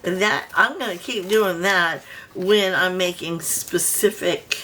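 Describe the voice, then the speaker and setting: A woman's voice: fairly low pitch, slow, bright, forceful tone, slight background noise, rough recording. A woman vlogging casually from her home craft room, rambling and chatty as she works on a project. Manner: rambling, chatty, with many restarts. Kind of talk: casual crafting chat while working.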